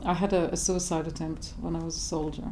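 A woman's voice: sits low, little pitch movement, quick pace, mellow, slight background noise. A woman, a psychotherapist speaking candidly and reflectively as an interview guest. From Israel. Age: 50s.

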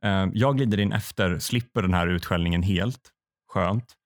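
A man telling a comic story in a deadpan way, acting out other people in quick quotes. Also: low voice. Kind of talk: comedic storytelling chat.

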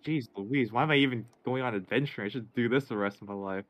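A man playing a tabletop game, chatty and rambling, quick to laugh. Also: medium pitch, lo-fi sound, soft background music. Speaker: player. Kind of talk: casual tabletop play.

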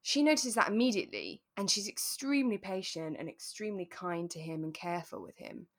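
Very animated and fairly quick, a British podcast co-host with a medium-pitched voice chats casually about a radio drama. She explains her views thoughtfully and agreeably.

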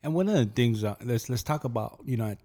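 A man's voice: medium pitch, lively intonation, a little fast, dark tone. A man hosting a podcast, asking long, rambling questions full of restarts. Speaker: podcast host. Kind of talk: casual interview talk.

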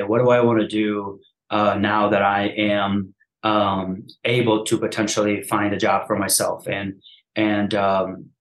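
A man in his thirties from Afghanistan, a podcast host telling his story in a casual interview, talking fast with lots of restarts and "man". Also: lowish voice. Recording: echoey room.

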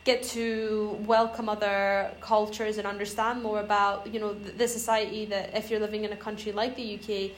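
A woman's voice: mid-range voice, little pitch movement, moderate pace, hardly any pauses. Chatty young woman from Iran, roomy sound. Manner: rambling, hesitant, many fillers. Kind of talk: casual podcast chat. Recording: roomy echo, faint noise.

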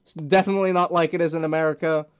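High-voiced young man rambling casually. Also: level tone, smooth. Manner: rambling, halting, restarts and filler words. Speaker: podcast host. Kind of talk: casual chat among friends.

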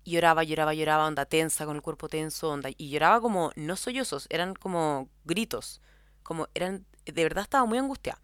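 A woman's voice: low-pitched, a little fast, fairly bright tone, clean tone, no echo, clean studio sound. A young woman with a Chilean accent telling a personal story in a casual, rambling way, full of filler words. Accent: Chilean Spanish. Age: young adult.

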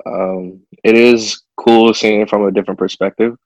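A man's voice: lowish voice, steady tone, normal speed, darkish tone, dry recording, muffled recording. A young man from the DMV area, chatting in a laid-back way as a podcast guest, with plenty of "you know.". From DMV area, United States. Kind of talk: casual chat.

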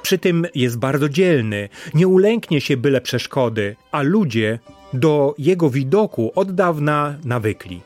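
A dignified old turtle from a storybook, played by a man speaking gravely and deliberately. The pace is slow and weighty, with faint music in the background. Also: a little high, lively intonation, a little mellow.

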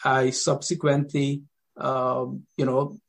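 A middle-aged man from Guyana, a pastor, telling his life story as a podcast guest, with many pauses and ums. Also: medium pitch, completely flat delivery, creaky. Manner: hesitant, many ums, repeats words.

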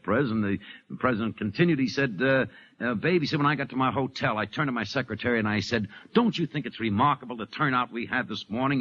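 Older man telling old baseball stories. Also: mid-range voice. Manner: rambling storyteller with frequent "uh" fillers. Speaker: former ballplayer, now baseball announcer. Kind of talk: anecdotal recollection in an interview. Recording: muffled 1950s radio recording.

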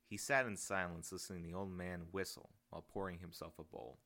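A man reading his own audiobook aloud in a steady, measured way. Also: low-pitched. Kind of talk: audiobook narration.

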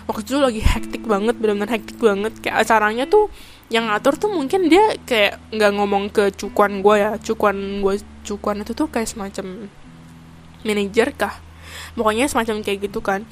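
A young woman, rambling through a heartfelt personal story in a casual venting podcast. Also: mid-range voice.

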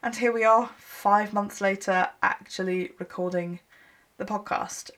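A woman's voice: medium pitch, fairly even intonation, a little slow, a bit bright. A woman, hosting a solo podcast from home in a rambling, self-deprecating chat, a bit sleepy. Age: 20s. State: sleepy, yawning late at night. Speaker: podcast host. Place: her home. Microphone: microphone with laptop.

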